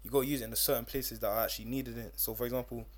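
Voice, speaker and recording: Earnest young man, quick casual talk. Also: mid-range voice, steady tone. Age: young adult. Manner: earnest, explains with "for example" and "at the end of the day". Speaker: guest. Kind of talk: casual chat.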